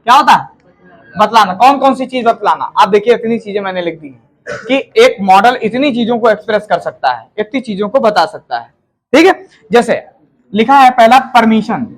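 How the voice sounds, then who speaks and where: A man's voice: high-pitched, lively intonation, normal speed. A man teaching a grammar lesson in a chatty classroom style, checking in with listeners and acting out example sentences in different tones.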